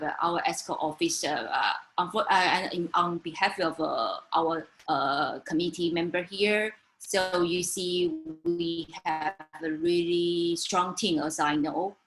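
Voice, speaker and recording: A woman from Taiwan, an English speaker, presenting slides in a webinar, halting with many fillers and restarts. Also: on the low side, a bit bright, slight background noise, poor audio.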